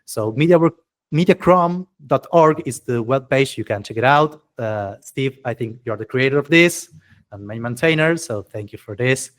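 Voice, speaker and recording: At an informal event, an enthusiastic male host gives a chatty English presentation marked by non-native phrasing. He sounds animated, with a medium pitch and moderate pace.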